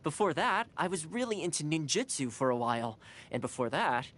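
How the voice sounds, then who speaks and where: A woman voices a cheerful, caring young male housekeeper for video game character lines, sounding friendly, earnest, and chatty. Her voice is deep and sing-song, delivered a little fast.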